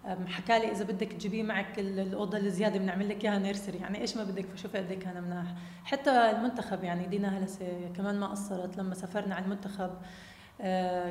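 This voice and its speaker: A young woman with a Jordanian Arabic accent talks very quickly in casual, story-like conversation. She slips English words into her sentences. The room is echoey, with long reverb around her voice. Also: medium pitch, a little mellow, slight background noise. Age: young adult. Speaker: interview guest, basketball player.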